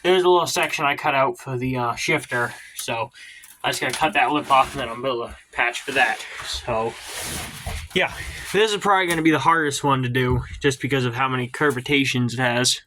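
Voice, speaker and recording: A man's voice: mid-range voice, fairly quick, bright, forceful tone, a little hiss or hum. A man, talking casually through his work in his home garage, rambling with lots of ums. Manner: rambling, hesitant with many ums. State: out of breath at times. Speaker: garage vlogger. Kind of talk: casual workshop vlog.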